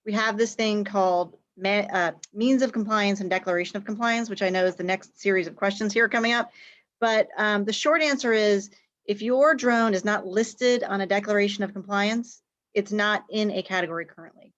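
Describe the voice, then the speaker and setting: A woman speaking as a guest expert on a live Q&A, explaining in a conversational way with frequent fillers and occasional quick bursts. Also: mid-range voice. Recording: dull, dry, slightly lo-fi.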